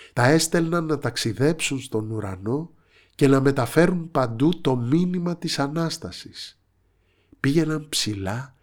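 A man narrating a children's storybook with expressive delivery. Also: medium pitch. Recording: narration over soft instrumental music.

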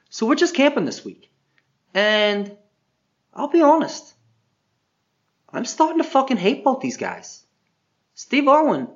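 In a dull-sounding recording, a man with a high voice plays a famous actor out hunting Bigfoot, boastful and exasperated. He whines and complains in disbelief through improvised comedy, a character monologue mixed with banter.

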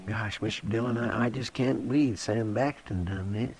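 An actor playing an earnest, folksy deputy in a 1950s radio drama. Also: male voice, medium pitch, moderate pace, a little mellow, slight background noise, natural voice. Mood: shaken. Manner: folksy, awed. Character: earnest, naive male deputy.

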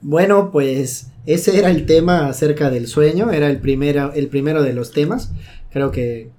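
A man, hosting a podcast and summing up the topic in a reflective, measured way. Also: on the high side, dark tone. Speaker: podcast host. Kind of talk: casual podcast talk.

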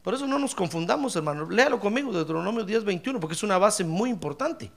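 A man preaching a sermon to his congregation, addressing them directly and breaking into loud shouted praise. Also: sits high, animated, fast talker, creaky.

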